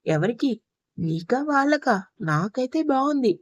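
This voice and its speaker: A blunt, bossy young don barks short orders in a gruff, commanding way, as a woman reads him in her own voice. The voice sits fairly high for him, with a dry, close sound. It suits a storybook audio tale. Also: big pitch swings, a little slow, no echo, exaggerated voice. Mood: curt.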